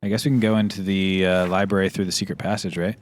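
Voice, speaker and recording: A man's voice: low voice, flat delivery, quick pace, slight background noise. A man streaming a game, thinking aloud in casual commentary and musing with many fillers. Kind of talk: casual let's-play commentary.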